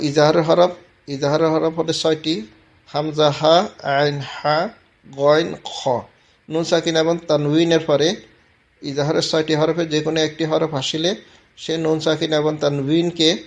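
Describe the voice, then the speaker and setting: Slow, gravelly Bangladeshi Bengali teacher. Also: male voice, on the high side. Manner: explains letter by letter, then chants verses slowly and loudly; steady instructional tone with fillers. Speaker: Quran tajweed teacher. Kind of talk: slow, step-by-step recitation lesson.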